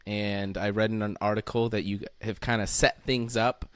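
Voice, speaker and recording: A man's voice: fairly low pitch, flat delivery, normal speed, fairly bright tone, clean tone, no room sound, studio quality. A man hosting an interview, asking encouraging questions in a casual, friendly way. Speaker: interview host.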